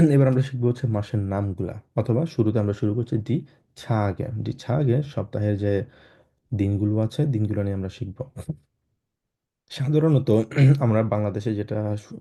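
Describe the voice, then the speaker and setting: Man, low voice, very dark tone, slightly sick, throat-clearing, patient teacher repeating words. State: unwell, clearing throat often. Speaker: German language teacher. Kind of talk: online class lesson.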